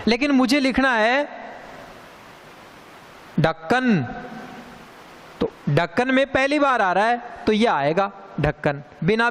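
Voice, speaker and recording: A man with a fairly high, clear voice teaches a grammar lesson at an unhurried pace. He repeats sounds deliberately for his students. A long reverb hangs behind him.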